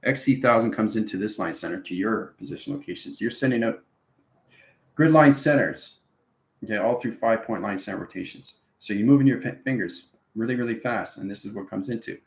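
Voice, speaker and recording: Here the man talks fairly quickly in a lowish voice, hosting a spiritual channel and giving an off-the-cuff esoteric lecture. He instructs viewers over and over, frequently tossing in "okay" or "right," all captured in an echoing, spacious room.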